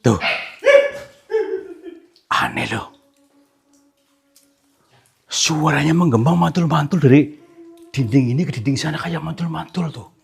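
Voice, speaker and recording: A man hosting a ghost-hunting vlog who politely coaxes and soothes unseen spirits, often hushed. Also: fairly high pitch, a little slow, vocal fry, pauses often, husky, soft background music. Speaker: paranormal explorer host.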